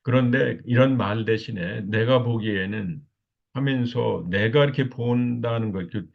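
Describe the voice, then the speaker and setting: Husky gravelly older man lecturing. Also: mid-range voice. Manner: halting, many fillers, repeats "이렇게" constantly. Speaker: lecturer on marriage communication. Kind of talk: recorded lecture. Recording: dull lo-fi recording.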